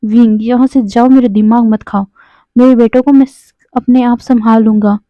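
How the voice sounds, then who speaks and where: A protective young father scolds and accuses his partner, as a woman narrator voices him in her fairly high register. The sound is dry and narrow, like a phone line. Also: steady tone, normal speed, no echo, lightly acted. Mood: scolding.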